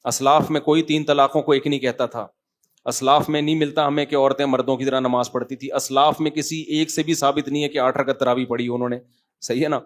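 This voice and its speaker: A middle-aged man with a Pakistani Urdu accent reads aloud written questions from his congregation and answers them in a sermon Q&A. His mid-range voice is steady, and though he sounds tired he keeps a lecturing, conversational sermon style, often calling listeners brother.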